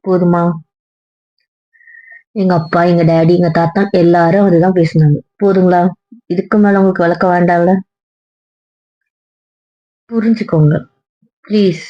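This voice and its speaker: A woman's voice: fairly low pitch, dry recording. Firm-voiced woman in a lo-fi web drama. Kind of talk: amateur web series acting.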